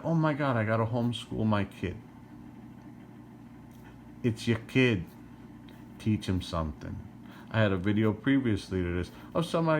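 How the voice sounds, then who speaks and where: With slight background noise behind him, this vlogger speaks in a fairly low-pitched voice. He's a middle-aged man from New Jersey venting at the camera in exasperation, repeating himself and throwing out one rhetorical question after another.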